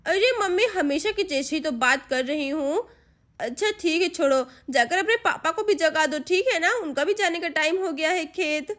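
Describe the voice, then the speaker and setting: A patient, soft-spoken village mother with a very high voice, as a woman puts her on in a doll story. She speaks soothingly and kindly. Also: lively intonation, normal speed. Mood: gentle.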